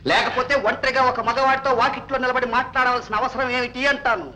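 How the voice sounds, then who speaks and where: A loud jealous bullying husband. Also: male voice, very high-pitched, steady tone, fast talker, full character voice. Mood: taunting. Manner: taunting, shouting. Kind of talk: old film drama acting.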